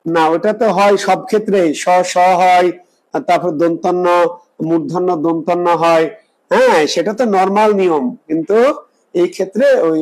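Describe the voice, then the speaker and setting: High-voiced man teaching exam prep. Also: a little mellow, low-quality recording. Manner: repetitive explaining, quizzing students. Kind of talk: live online class lecture.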